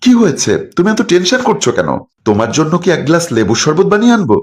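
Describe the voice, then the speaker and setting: A man's voice: a little high, big pitch swings, fast talker, pitched above the performer's own voice. A man voicing a young, scheming wife who plays innocent and sweet.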